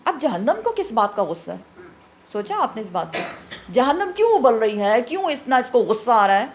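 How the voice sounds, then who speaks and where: A woman with a fairly high voice teaching a Quran explanation lesson. She poses questions to her listeners and answers them herself, slipping English words into her talk. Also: big pitch swings, a little hiss or hum. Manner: mixes English words into speech.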